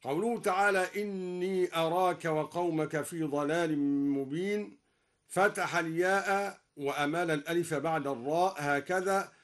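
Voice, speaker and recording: A man teaching Quran reading variants, moving between plain spoken explanation and slow melodic recitation, from a radio broadcast. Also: on the high side, fairly bright tone. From Egypt.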